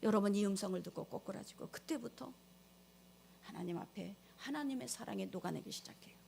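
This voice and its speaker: A woman pastor with a high voice preaches a sermon to her congregation. She is emphatic and alternates between forceful exhortation and soft, hushed storytelling. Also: gravelly. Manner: addresses the congregation directly.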